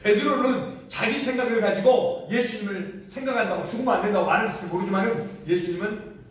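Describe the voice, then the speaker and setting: A man with a high voice preaches a sermon, asking his congregation questions and acting out the lines he quotes. His voice comes from well off the mic and rings through a very reverberant hall. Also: a little fast. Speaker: pastor. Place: large echoey hall used for a church service. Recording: very echoey room, voice from far off the mic.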